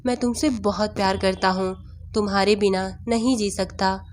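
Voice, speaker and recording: A woman's voice: medium pitch, steady tone, normal speed, slight background noise, natural voice. Woman reading as a weeping, pleading husband. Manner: tearful, pleading repetition. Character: grieving middle-aged husband, pleading.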